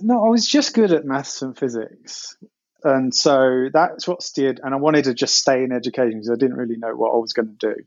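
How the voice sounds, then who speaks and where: A middle-aged man with an Essex accent talks through his memories in an informal interview. His pitch is average and he halts now and then to think aloud. The sound is very dry and a little muffled. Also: brisk, no room sound. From Essex, England. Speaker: interview guest, game industry producer. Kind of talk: casual personal recollection.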